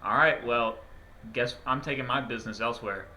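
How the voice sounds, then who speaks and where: A man's voice: mid-range voice, a little fast, over a noisy crowd, low-quality recording. A man playing a tabletop game, teasing and laughing with friends. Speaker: player. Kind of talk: casual tabletop game chat.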